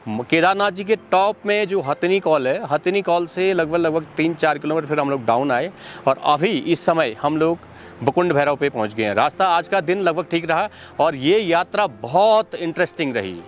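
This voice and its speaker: High-voiced man vlogging on a mountain trek. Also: animated, normal speed, lo-fi sound, slight background noise. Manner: guiding, pointing things out to viewers. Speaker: trekking vlogger. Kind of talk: outdoor trek vlog narration. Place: outdoors on a high mountain ridge.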